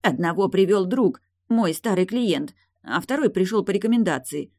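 A woman's voice: mid-range voice, expressive, normal speed, darkish tone, no room sound, clean studio sound, voice pushed up. Whining street dealer, read by a woman. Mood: groaning. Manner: whining, defiant. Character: scared, sneering male drug dealer. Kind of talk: audiobook reading.

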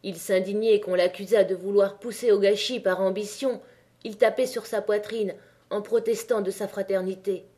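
A woman narrating a classic novel as an audiobook, in a measured, expressive way. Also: medium pitch. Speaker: audiobook reader.

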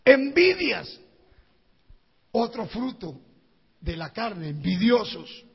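Raspy, high-voiced preaching man. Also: slow. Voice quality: raspy, gravelly. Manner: animated preaching, acting out scenes, bursts of shouting. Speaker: pastor. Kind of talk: sermon. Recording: echoey hall, dull lo-fi sound.

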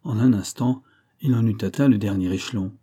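Male audiobook narrator, low-pitched and mellow, steady measured reading. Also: husky. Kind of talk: scripted narration of a classic novel.

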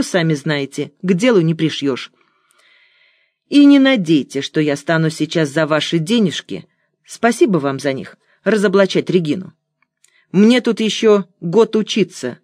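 A woman's voice: deep voice, big pitch swings, normal speed, darkish tone, no echo, clean studio sound. A woman reading an audiobook, voicing a wary young female student with a raised, complaining tone. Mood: defensive.

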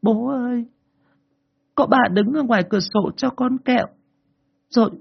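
A man's voice: very high-pitched, moderate pace, creaky, slightly rough, voice pushed up, heavily acted. A man voicing a frightened little girl who whimpers and stammers. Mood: whimpering. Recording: dull lo-fi recording.

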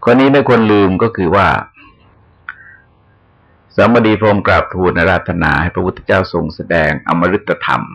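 Older male monk, measured sermon delivery, very low and creaky. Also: a bit bright, lo-fi sound. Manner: slow, measured explaining with pauses. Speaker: Buddhist monk.

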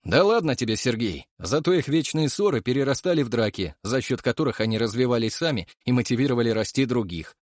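A man voicing a calm, ironic grown man who speaks with dry humour. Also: mid-range voice, fast talker, hardly any pauses, no room sound, natural voice. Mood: philosophical.

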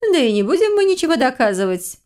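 A woman's voice: fairly low pitch, very animated, normal speed. A woman voicing a sarcastic, gossipy lizard woman healer who hisses and mocks, in an audiobook. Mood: scornful. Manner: hissing, mocking, exclaiming.

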